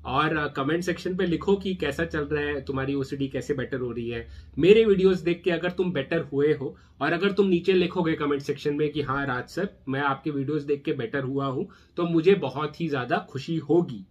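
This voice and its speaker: Casting note: man, talks straight to the viewer, casual explainer, pitch on the high side. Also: fairly quick, darkish tone, highs cut off. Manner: conversational, addresses viewer directly, mixes English terms. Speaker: channel host explaining OCD treatment.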